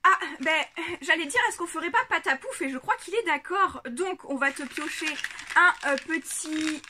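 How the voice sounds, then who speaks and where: A woman vlogger chatting casually to a camera on a tripod, giggling often and filling pauses with lots of hesitations. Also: sits high, pushed and bright. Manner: chatty, giggly, many fillers. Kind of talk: casual unboxing chat.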